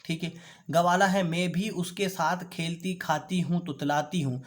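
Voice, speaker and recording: Guy teacher with a high voice going thru textbook answers slow and careful. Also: fairly even intonation. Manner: carefully repeats words for pronunciation drill. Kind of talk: online class lesson.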